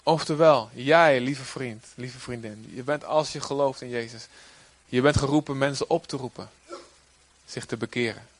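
A man preaching a sermon in a lively way, sometimes acting out quoted figures in a raised voice. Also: medium pitch, moderate pace.

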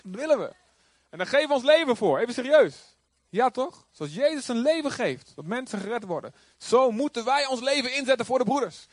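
A male pastor preaching a sermon with passion, rising now and then to loud cries. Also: very high voice, big pitch swings, fairly quick, no echo.

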